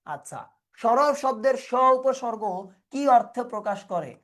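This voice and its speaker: A woman's voice: a little high, sing-song, normal speed, a little mellow. A woman teaching an exam-prep lesson, asking questions and answering them herself step by step. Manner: explains step by step, asks and answers own questions.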